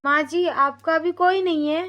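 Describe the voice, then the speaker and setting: A woman doing a lost young cartoon heroine, high voice, soft, polite, earnest. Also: fairly even intonation, moderate pace, muffled recording. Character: lost young woman without memory, gentle and grateful. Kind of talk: cartoon voice acting.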